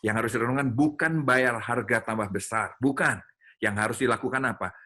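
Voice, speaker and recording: A middle-aged man preaches a teaching talk to a church gathering, his tone bright and forward. He speaks animatedly, turning to address his listeners directly as he explains. His pitch sits in a middle range for a man. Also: fairly quick. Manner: animated, addresses listeners as "saudara", acts out dialogue with his child. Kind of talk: sermon-style teaching talk.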